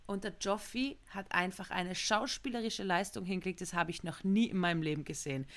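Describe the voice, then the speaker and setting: A woman, co-hosting a casual podcast and telling an animated anecdote full of slang and swearing. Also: lowish voice, a little fast. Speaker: podcast co-host.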